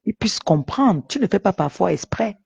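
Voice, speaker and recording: A woman with a Cameroonian accent and a deep voice, chatting casually on a live stream and making her points emphatically. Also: lively intonation, moderate pace, gravelly, darkish tone, slightly rough. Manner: emphatic, opinionated storytelling. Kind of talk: casual chat. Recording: dull lo-fi sound.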